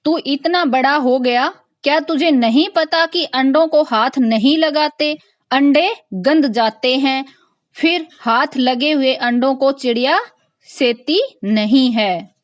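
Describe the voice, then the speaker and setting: A woman's voice: high voice, slow pace, dry recording. A woman teacher voicing a stern village mother who scolds her son, reading it with emphatic stress. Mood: scolding.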